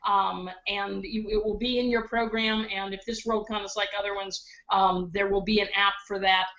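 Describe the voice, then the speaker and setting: A woman's voice: mid-range voice, little pitch movement, moderate pace, a bit bright. Joking woman auctioneer, lo-fi sound. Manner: playful, joking. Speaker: charity auctioneer. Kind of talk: casual chat. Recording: dull lo-fi audio.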